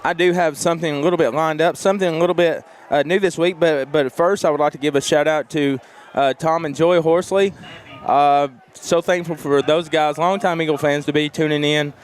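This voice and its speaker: A man giving color commentary on a local high school football broadcast, earnest and halting, with many fillers. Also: fairly even intonation, slight background noise.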